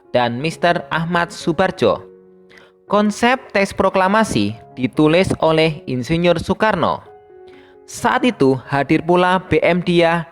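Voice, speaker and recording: Brief: steady, even-toned teacher voice reading a primary school lesson aloud, faint music underneath. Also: mid-range voice. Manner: reads steadily, addressing pupils as younger siblings. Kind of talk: scripted lesson narration.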